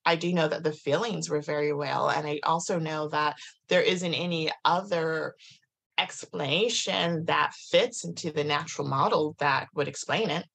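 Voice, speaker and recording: A woman guest telling a personal story in casual conversation, animated, full of "like" and restarts, acting out what people said. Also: sits low, moderate pace, gravelly, slightly rough. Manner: animated, many "like"s and restarts, acts out quotes.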